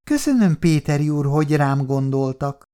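An actress playing a stubborn, dreamy elderly housewife in a 1960s radio drama, her voice jumping high when she is emphatic. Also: lively intonation, mellow, smooth. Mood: excited. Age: older. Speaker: Mrs. Szabó.

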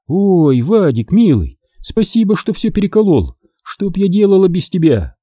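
A man's voice: sits high, big pitch swings, normal speed, mellow, no room sound, clean studio sound, voice pushed up. A man voicing a doting, wailing older village aunt in an audiobook. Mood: doting fuss.

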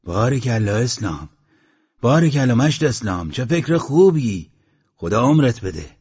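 A man's voice: medium pitch, breathy edge, pitched above the performer's own voice, natural voice. A man voicing a worried male village headman who pleads and frets, on a dull lo-fi audiobook recording. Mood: delighted. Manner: anxious, pleading.

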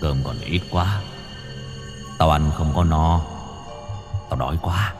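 A man's voice: very deep voice, takes it slowly, faint music behind, voice pushed down. A man voicing a cold, hungry drowned male ghost that speaks in an eerie, hissing mutter.

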